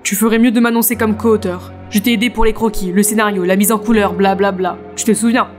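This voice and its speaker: A woman voicing a smug, arrogant young man who cheats on his girlfriend, in an animated story dub, with a mocking, condescending manner. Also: medium pitch, fairly quick, soft background music, lightly acted.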